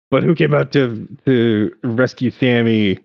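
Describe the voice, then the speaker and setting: A man co-hosting a casual podcast, recapping wrestling matches with excitement and plenty of swearing. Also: mid-range voice, slow, creaky, dry recording, lo-fi sound. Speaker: podcast co-host. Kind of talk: casual chat.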